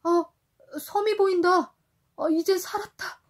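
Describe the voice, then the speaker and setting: A woman voicing a bold, excitable male sailor adventurer, dramatic and exclamatory, while reading a storybook to a toddler. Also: a little high, normal speed, slightly rough. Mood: relieved.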